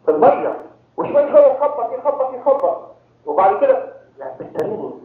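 Egyptian priest preaching, quick and high-voiced, keeps quizzing the crowd; heavy echo, phone-thin sound. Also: male voice, very animated, slight background noise. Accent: Egyptian Arabic. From Egypt (Cairo). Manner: quizzes the audience with rhetorical questions. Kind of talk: sermon to a congregation. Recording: very echoey tinny phone-like hall recording.

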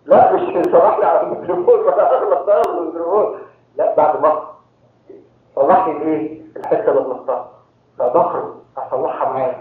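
A priest from Cairo with an Egyptian Arabic accent preaches a sermon to a congregation, quizzing listeners with rhetorical questions. His voice is a little high and quick, with slight background noise, and the hall recording is very echoey and tinny, like a phone.

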